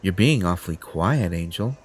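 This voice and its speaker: Performing an audio roleplay for the listener, a man takes on the role of a possessive, entitled superhero, smug and coaxing, with a pompous, self-satisfied, condescending manner. His deep voice is animated and moves at a moderate pace.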